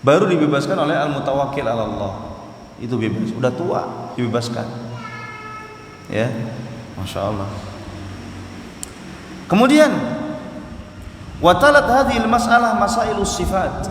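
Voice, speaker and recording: A man with an Indonesian accent teaches a congregation in a fairly high voice, asking rhetorical questions and pushing hard on key words. His voice rings through a large reverberant hall. A faint room hum sits underneath. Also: very animated, unhurried, pauses often. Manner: storytelling with rhetorical questions, bursts of emphasis. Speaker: Islamic study teacher. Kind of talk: mosque study-circle lecture. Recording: echoey hall with long reverb.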